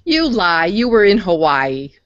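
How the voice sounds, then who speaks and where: A woman's voice: fairly low pitch, very animated, unhurried, no echo. A woman on a podcast panel, cutting in with teasing remarks in a casual chat. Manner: teasing, laughing interjections. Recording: dull lo-fi sound with clear music behind.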